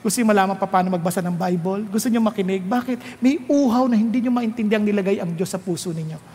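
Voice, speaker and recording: A man with a Filipino accent preaching a sermon, quizzing his congregation, reading scripture slowly and low, then rising loud when he urges them on. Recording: long echo of a large hall.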